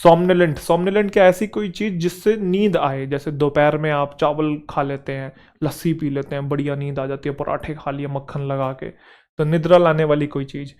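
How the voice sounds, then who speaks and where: A young man teaching English vocabulary in a relaxed, conversational way, often checking in with his students. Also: a little high, normal speed. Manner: conversational, often adds "theek hai bhai". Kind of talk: vocabulary lesson.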